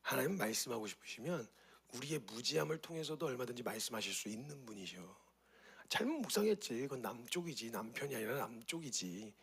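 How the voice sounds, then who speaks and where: A man voicing an elderly missionary who speaks gently and reassuringly. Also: mid-range voice, lively intonation, quick pace, vocal fry, pitched below the performer's own voice.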